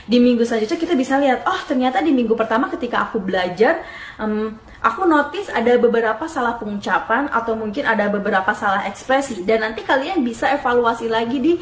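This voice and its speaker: A young Indonesian woman with a slightly high, animated voice talks fast to camera from a room at home in Dublin, giving casual vlog tips. She's chatty, laughs at herself, and switches between two languages; the room is echoey with faint background noise.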